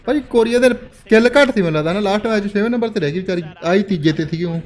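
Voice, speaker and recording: Male co-host, high and quick; curious, asks a lot, answers in short hums. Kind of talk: casual chat on a game watch party stream.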